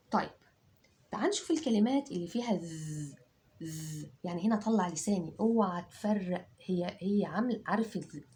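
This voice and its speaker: Egyptian female teacher, very animated pitch, drills phonics sounds for kids, keeps checking in. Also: slight background noise. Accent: Egyptian Arabic. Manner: drills sounds aloud, repeats and checks understanding. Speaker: English teacher. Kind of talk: phonics lesson for children.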